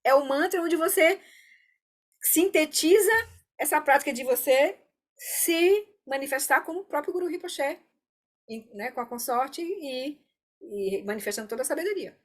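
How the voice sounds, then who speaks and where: A woman with a slightly high voice leads a meditation class over a video call. She explains things patiently and often checks in with her students as she goes. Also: moderate pace. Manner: calm, explanatory, often asks "né?". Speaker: Dharma teacher.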